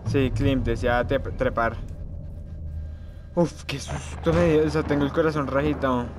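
A man's voice: mid-range voice, steady tone, a little slow. Young guy freaking out over a horror game, mutters and yelps, noisy home mic. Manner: jumpy, mutters to himself, shrieks and laughs at scares. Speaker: gamer.

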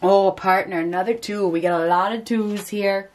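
Speaking at a normal speed with fairly even intonation, a woman with a medium-pitched, darkish voice reads tarot off the cuff at an indoor table. She has a head cold and a blocked nose, and she hesitates and rambles while thinking aloud over each card. A faint hiss or hum runs under the audio.

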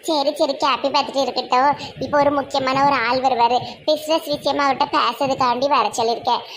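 A woman's voice: high voice, steady tone, a little fast, slight background noise. A woman in a comedy skit, talking in a bossy, teasing way.

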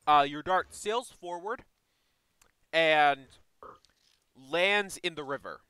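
A young man serves as game master of a casual tabletop session, speaking slowly with lively, wandering pitch. His voice is bright and crisp, set in a dry room with no echo, and his talk is loose and slangy, padded with fillers and restarts.

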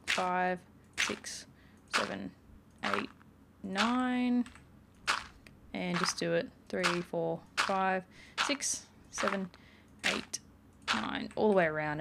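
A woman's voice: lowish voice, gravelly, very noisy. Chatty woman narrating her game. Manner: chatty, rambling, many "like" and "um" fillers. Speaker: gaming YouTuber. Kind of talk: casual let's play commentary.

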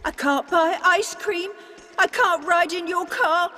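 A woman's voice: extremely high pitch, slow pace, bright, forceful tone, soft background music, exaggerated voice. A woman voicing a tiny wind-up clockwork mouse. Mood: plaintive. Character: small male clockwork toy mouse, wound by a spring, eager and plaintive. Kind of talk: cartoon voice acting.

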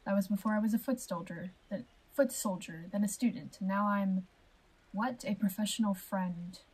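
A woman voicing a wistful, flattering male scholar friend with an Italian-tinged accent. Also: mid-range voice, normal speed, breathy edge, close to an everyday voice, low-quality recording.

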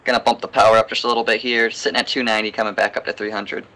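A young man leading a flight in a flight simulator, mixing calm, clipped radio calls with casual chat. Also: on the low side, rapid-fire. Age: young adult. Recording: clearly noisy headset voice chat.

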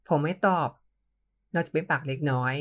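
Calm storyteller reading a romance audio novel in first person. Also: medium pitch, brisk.

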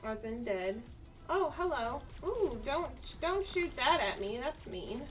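A woman streaming a game, chatting casually with her viewers, swearing often and breaking into loud outbursts and laughter. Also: high voice, big pitch swings, slow pace, distant mic, faint music behind. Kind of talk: casual gameplay chat.

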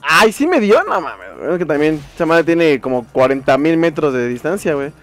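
A young man with a Mexican accent giving casual commentary while playing a video game, swearing and shouting in frustration. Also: fairly high pitch, animated, normal speed. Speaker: gameplay streamer. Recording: faint game music behind.

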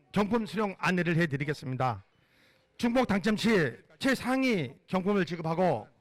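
A man's voice: high voice, no echo. A man hosting a live prize draw, speaking in a formal, polite event-announcer style.

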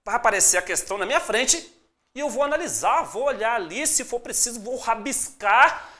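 A Brazilian-accented teacher running a live exam-prep class, voice swooping up and down with every point. The tone is bright and forceful, and the delivery is upbeat, encouraging and full of direct greetings to viewers. Words get broken into slow, drawn-out syllables to make each rule clear. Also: mid-range voice, expressive. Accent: Brazilian Portuguese.

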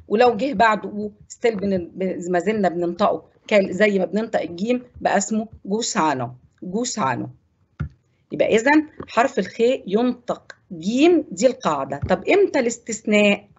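Husky Egyptian woman teaching Spanish. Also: mid-range voice, lo-fi sound. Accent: Egyptian Arabic. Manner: explains step by step, repeats words slowly for pronunciation. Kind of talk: televised classroom lesson.

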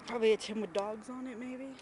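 A woman's voice: a little high, steady tone, fast, a little mellow, a little hiss or hum, rough recording. A young woman chatting casually and exclaiming often as she films herself geocaching outdoors on a handheld camera. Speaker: vlogger filming a geocaching trip. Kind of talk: casual chat while exploring. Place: outdoors, brushy desert lot.

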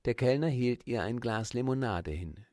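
A man reading a children's storybook aloud as audiobook narrator, in a calm, measured manner. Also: mid-range voice, no echo, studio quality.

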